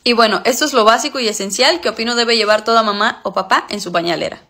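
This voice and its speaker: Female creator in her twenties for short list video, higher bright voice, some noise. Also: fast talker. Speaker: content creator, new mother. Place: small room indoors. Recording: clear noise with clicking.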